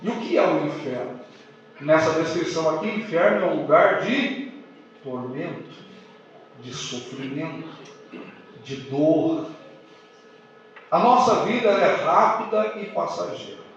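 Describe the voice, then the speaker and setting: A pastor preaching a sermon, asking the congregation questions. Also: male voice, on the high side, animated, unhurried, pauses often, recorded from a distance, slight background noise. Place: church hall. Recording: echoey church heard from afar, dull sound.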